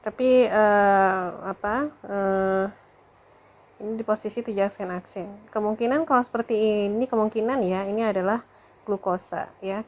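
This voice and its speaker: A woman's voice: medium pitch, a little mellow. A woman lecturer talking through a recorded lesson, thinking aloud with fillers and corrections.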